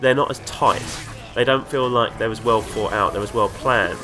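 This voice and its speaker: A man's voice: mid-range voice, moderate pace. A man with the flu, sounding congested and nasal, chatting enthusiastically and a bit ramblingly while playing a game. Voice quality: nasal from a cold. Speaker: gaming video host. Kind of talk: let's play commentary. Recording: game music playing underneath. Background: game music and sounds.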